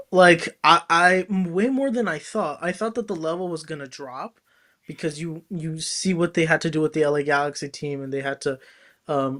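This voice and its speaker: A co-host on a casual soccer talk show, chatty and full of "like" fillers. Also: medium pitch.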